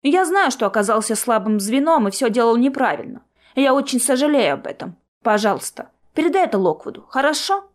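A woman voicing a soft-spoken, apologetic young man in glasses, in an audiobook reading. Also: very high-pitched, big pitch swings, a little fast, hardly any pauses. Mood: resigned. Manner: soft, resigned, earnest.

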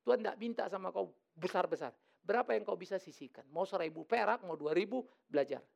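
A middle-aged male pastor preaching a lively, joking sermon in church. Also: high-pitched, fast talker, creaky. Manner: lively, joking, acts out quoted voices.

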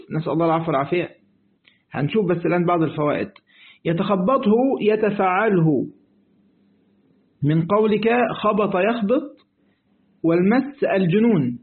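A man with an Egyptian accent teaching a lesson on a classical exegesis text in colloquial style, acting out little dialogues between his explanations. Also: high-pitched. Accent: Egyptian Arabic. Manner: lively, acts out dialogues, switches between reading text and colloquial asides. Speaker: sheikh teaching Quranic exegesis. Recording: tinny phone-like audio.

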